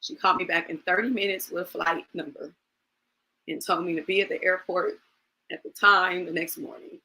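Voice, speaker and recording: A woman's voice: lowish voice, steady tone, moderate pace, bright, forceful tone, poor audio. A woman in her forties recounting a personal story as a guest on a talk show, voicing the people in it as she tells it. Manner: storytelling, acts out quoted lines, emotional.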